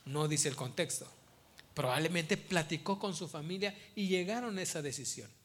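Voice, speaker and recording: A man's voice: fairly high pitch, animated, normal speed, fairly bright tone. A man preaching a sermon as pastor, emphatic and repeating his key phrases.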